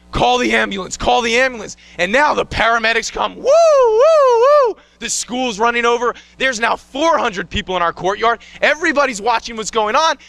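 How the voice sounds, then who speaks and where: A young man with a very high, bright and sharp voice performs a one-man stage show. He tells his story in an animated way, acting out the scenes and slipping into other voices. The sound is dry and close. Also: no room sound.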